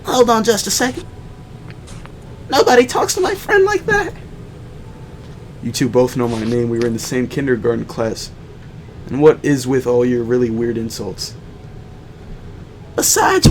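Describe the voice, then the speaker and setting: A man voicing an excitable young woman classmate in a video game, shrill and indignant. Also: a little slow, pauses often, heavily acted.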